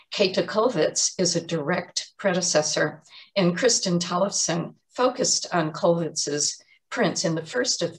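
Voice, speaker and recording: A woman giving an explanatory museum talk on artist's books, measured and often pausing with um and uh. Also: lowish voice. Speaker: art lecturer.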